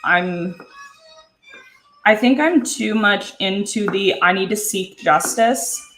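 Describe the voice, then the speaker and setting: A woman's voice: mid-range voice, slow, fairly bright tone, echoey room, soft background music, low-quality recording. A young woman with a Canadian accent, chatting casually and rambling with lots of fillers and casual swearing while she cooks in her kitchen. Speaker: cooking vlogger. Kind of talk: casual chat while cooking. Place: home kitchen.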